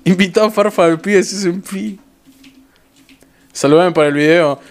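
A young man with an Argentine accent streaming a game, talking excitedly to his viewers and repeating phrases over and over. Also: high-pitched, normal speed. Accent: Argentine Rioplatense Spanish. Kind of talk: live gameplay commentary.

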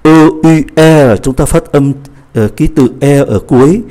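A man teaching French pronunciation in a language lesson, saying example words slowly and clearly before explaining them at a quicker pace. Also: a little high, warm tone.

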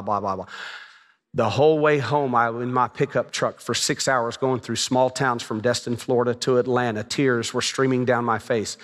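Animated preacher in a big hall. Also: male voice, medium pitch. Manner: animated storytelling preacher, gestures a lot. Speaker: pastor. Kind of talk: sermon. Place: large church stage. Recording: long reverb of a large hall.

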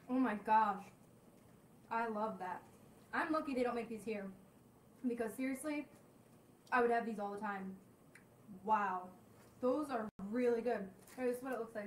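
A young woman with a fairly high voice chats through a snack tasting, giving blunt, candid verdicts as she goes. She sits back from the camera mic in a roomy, echoing indoor space. A faint hiss sits under her voice. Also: recorded from a distance. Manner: chatty, candid reactions while tasting. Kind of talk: casual snack review vlog.

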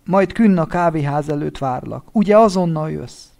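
A man voicing a grief-stricken middle-aged man in a storybook reading, speaking high and strained, his voice breaking as he pleads over the telephone. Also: creaky, a little mellow. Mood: frantic.

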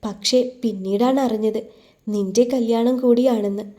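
Storybook young husband, playful then earnest; woman reader's own voice, very warm and mellow tone. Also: on the high side, steady tone, moderate pace, close to an everyday voice. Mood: tender. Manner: playful teasing turning earnest. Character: young man, teasing, devoted husband in love.

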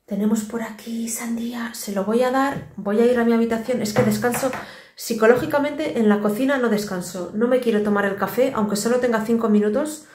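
She has a fairly high, darkish voice, brisk and steady in tone. This thirties family vlogger, natively Basque with a Basque Spanish accent, rambles wearily in casual chat, full of tired asides. She records indoors on a phone at arm's length, her tiled kitchen giving the audio an echo.

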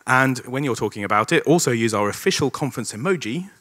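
A man's voice: medium pitch, expressive, quick pace, fairly bright tone. Upbeat man opening a conference. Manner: upbeat, lightly joking housekeeping announcements. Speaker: conference organizer giving opening words. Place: large conference hall with an audience.

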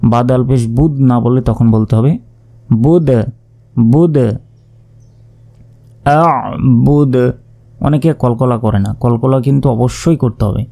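A man with a gravelly, dark voice teaches Quran reading patiently, spelling words out sound by sound. Now and then he stretches a word into a slow, drawn-out chant before going back to plain explanation. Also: medium pitch, steady tone. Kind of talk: spelling out recitation step by step.

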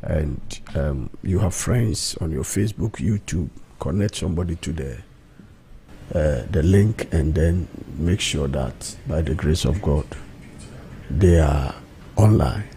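A man's voice: very deep voice, slow, gravelly, warm tone, a little hiss or hum. A middle-aged man, preaching as host of a prayer broadcast, emphatic and repeating key phrases, on a close studio mic. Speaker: pastor and prayer programme host. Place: small indoor radio studio. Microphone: close studio mic on boom arm, headphones.

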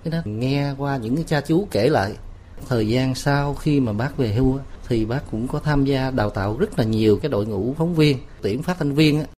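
A man with a mid-pitched, relaxed voice and a southern Vietnamese accent. He recalls things casually in colloquial phrasing, with light ambient noise around him. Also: a little fast. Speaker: interviewee paying tribute. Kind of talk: casual spoken recollection.

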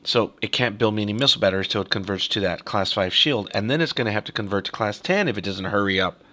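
Male game commentator with a low-ish voice, talks to himself while playing, a little hoarse from a cough. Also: fast, bright, forceful tone. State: slightly hoarse, has a cough. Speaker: gaming video host. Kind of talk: casual let's-play commentary.

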